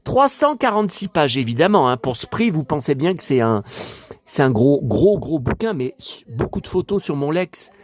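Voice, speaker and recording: A man casually vlogging about collector books, excitable and rambling, talking straight to his viewers. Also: a little high, normal speed, no room sound.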